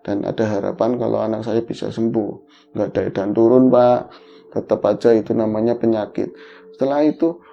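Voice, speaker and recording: A middle-aged man with a Javanese accent, telling his own story in a casual, animated way. His voice jumps up in pitch at the tense parts. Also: creaky. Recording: dull lo-fi audio with faint noise.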